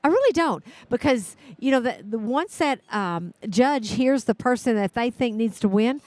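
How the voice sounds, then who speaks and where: A woman co-commentating on a contest in a casual, conversational way, somewhat halting as she thinks aloud. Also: on the high side, lively intonation, a little mellow, no room sound. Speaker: co-commentator, former contest winner.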